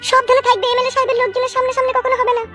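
A woman's voice: extremely high pitch, flat delivery, very fast, a bit bright, faint music behind, voice pushed up. A woman voicing a worried village mother-in-law who gives anxious warnings in a comedy skit.

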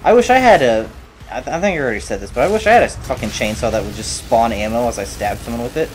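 A man casually commentating his own shooter playthrough, animated and swearing, cracking jokes. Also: medium pitch, fast talker, slight background noise. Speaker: gamer playing through a shooter.

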